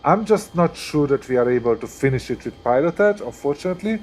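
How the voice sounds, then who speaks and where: A flight sim streamer with a Hungarian accent talks fast in a slightly high, expressive, somewhat mellow voice over soft background music. Streaming live, he's chatty and casual, thinking aloud as he works through each step.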